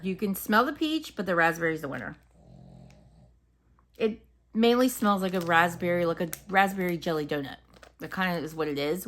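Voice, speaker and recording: A woman casually reviewing wax melts, chatting and musing aloud as she describes each scent. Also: lowish voice. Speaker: home fragrance reviewer. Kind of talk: casual unscripted product review.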